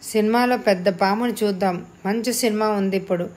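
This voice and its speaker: A woman's voice: medium pitch, brisk, darkish tone, lightly acted. A woman voicing a domineering, bullying father who scolds and barks orders in an audiobook. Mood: angry. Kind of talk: audiobook character reading.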